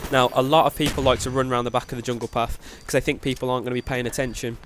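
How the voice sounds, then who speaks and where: With game gunfire and explosions and a noisy background, a young man gives gameplay commentary and tips. His medium-pitched voice is nasal from a cold, and he speaks quickly and evenly, often saying "very, very".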